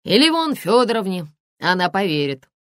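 A woman's voice: medium pitch, big pitch swings, normal speed, no room sound, studio quality, pitched above the performer's own voice, lightly acted. A woman voicing a jovial, sly male police lieutenant colonel who mocks people in folksy banter. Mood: jovial mocking.

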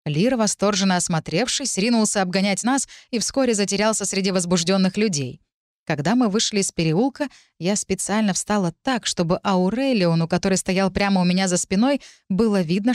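A woman narrating a novel in the first person, in a measured, expressive storytelling manner. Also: medium pitch, no echo, studio quality. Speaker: audiobook narrator.

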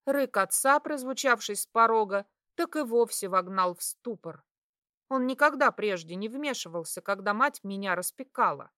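A woman narrating a first-person audiobook in a steady, expressive storytelling voice. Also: medium pitch, normal speed, no echo, clean studio sound.

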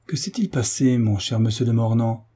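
A man reading a fussy, excitable guardian baron in a French audiobook. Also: mid-range voice, moderate pace, slightly rough, close to an everyday voice. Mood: indignant.

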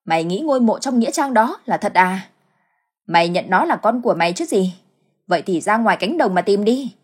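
A woman's voice: mid-range voice, expressive, normal speed, husky. A woman voicing a cruel, scheming older village woman who wails and gloats in a storybook tale. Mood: cruel gloating. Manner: wailing then coldly gloating.

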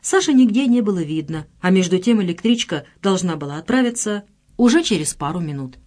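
A woman narrating an audiobook with expressive delivery, voicing every character herself. Her pitch is lively and animated, rising and falling through the sentences. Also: fairly quick. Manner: expressive, reads all characters.

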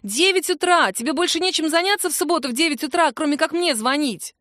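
A woman's voice: high-pitched, expressive, normal speed, a bit bright, dry recording, studio quality, voice pushed up. A woman reading a story, voicing a grumpy young woman woken too early who answers with indignant, exaggerated exclamations. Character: sleepy grumpy young woman, sharp-tongued friend.

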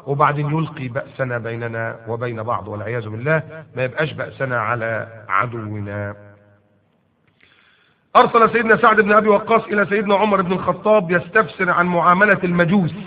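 Animated Egyptian preacher on a tinny recording. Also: male voice, fairly high pitch. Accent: Egyptian Arabic. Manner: animated colloquial retelling, chanting classical quotes. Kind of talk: religious history storytelling lecture.

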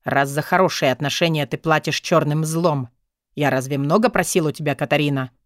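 Woman doing a hoarse man's voice, low and dropped, gruff grumbling, menacing whisper, dry close sound. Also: a little fast, no echo, natural voice. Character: hoarse brooding man, gruff rescuer. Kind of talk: audiobook character voice.

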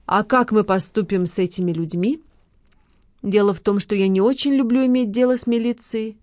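A woman voicing a calm, polite, scheming marquis who speaks in a measured, matter-of-fact way. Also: high-pitched, no room sound, studio quality, natural voice. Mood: calm, courteous.

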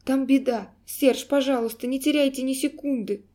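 An anxious young girl speaks earnestly and urgently in a raised, mellow voice, as a woman reads her. It sounds like a storybook character given a light lift in pitch. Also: brisk, natural voice. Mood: frightened urgent. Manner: urgent, pleading.

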